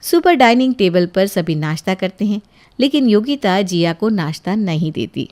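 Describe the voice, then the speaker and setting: A woman's voice: mid-range voice, very animated, moderate pace, a little mellow. A woman narrating a cartoon storybook in a plain storytelling tone.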